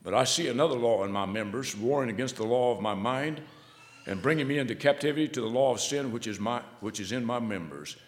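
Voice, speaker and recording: A man preaching a sermon, dropping to low murmurs and rising to fervent shouts. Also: fast talker. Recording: long hall reverb.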